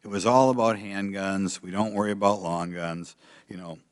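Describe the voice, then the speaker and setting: Low-voiced older congressman, plainspoken and aggrieved. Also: fairly even intonation, normal speed. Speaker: politician, congressman. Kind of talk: off-the-cuff remarks at a legislative hearing.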